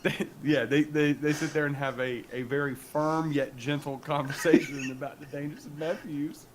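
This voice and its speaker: A man's voice: a little high, fairly even intonation, moderate pace. A young man with an Appalachian accent, co-hosting a podcast in casual chat, joking and rambling and swearing freely. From rural Appalachia. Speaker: podcast co-host.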